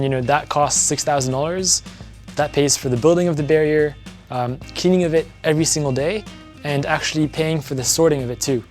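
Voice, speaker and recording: A young man from France, earnest and talking in an interview as an activist, with frequent fillers and restarts. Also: fairly high pitch. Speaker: guest, environmental activist. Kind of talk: conversational interview.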